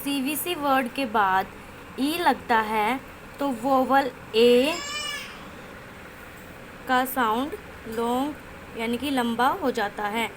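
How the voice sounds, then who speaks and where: Slow woman sounding out phonics. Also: on the high side. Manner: slow, sounding out letters one by one. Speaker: teacher. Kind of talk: phonics lesson for children. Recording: noisy home recording.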